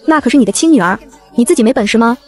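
A woman's voice: on the high side, lively intonation, rapid-fire, darkish tone, faint music behind, natural voice. A woman reading the lines of a stern, angry old grandfather in a storybook narration, scolding as she goes. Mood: furious.

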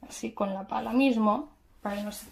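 Recorded by a camera mic across an echoey, clattering kitchen, this woman hosts a casual cooking show, explaining a recipe step by step while cooking at home. She speaks a little fast in a fairly high voice with vocal fry.

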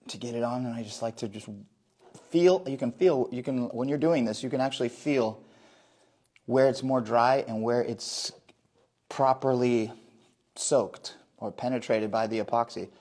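A male woodworker in his 30s gives a hands-on live demo in a large indoor wood workshop, explaining while he works at a moderate pace. His mid-pitched voice has a darkish tone, he often restarts and corrects himself, and a phone camera picks him up from a few meters away.

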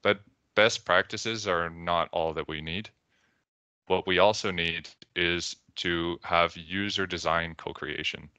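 Over a video call, a young Canadian-accented man gives a conference presentation, telling a story and quoting characters in their voices. His deep voice is slow, smooth, pushed, and bright, with fairly even intonation. The recording has no room sound, and the highs are cut off.

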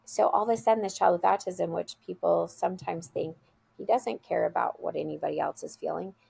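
A woman's voice: lowish voice, a little fast, gravelly, dark tone, slightly rough. A woman guest telling heartfelt stories about her school in a casual interview over a video call. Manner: earnest, heartfelt storytelling.

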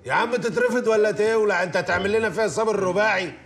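A teasing streetwise Egyptian sidekick. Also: male voice, high-pitched, very fast, reverberant, soft background music. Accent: Egyptian Arabic. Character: mocking street-smart male sidekick.

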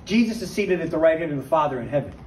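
A man giving a conversational Bible teaching to a recovery group, lively and full of rhetorical questions. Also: on the high side, racing. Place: church meeting room. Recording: echoey church room, distant mic, faint hiss.

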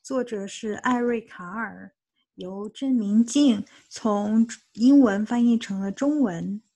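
A woman reading a picture book aloud expressively, as if to a toddler, in short simple phrases with a husky, breathy tone. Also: mid-range voice, slow pace, dark tone. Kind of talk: storybook read-aloud, as to a toddler.

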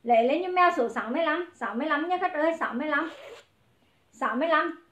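High-voiced woman hawking clothes on a livestream. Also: expressive, a bit bright, echoey room. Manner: brisk, calling out prices to viewers. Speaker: online clothing seller. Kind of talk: livestream sales pitch.

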